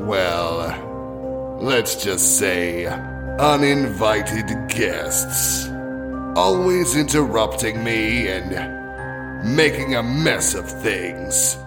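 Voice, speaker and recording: Gravelly creepy shopkeeper guy, a man putting it on, slow and drawn out, voice swoops up and down, music behind. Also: on the low side, animated, heavily acted. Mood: menacing. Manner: slow, drawn-out, mock-sinister delivery. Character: sinister male horror shopkeeper, macabre, theatrical, easily irritated. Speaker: horror shop keeper host. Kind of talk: audio horror drama hosting.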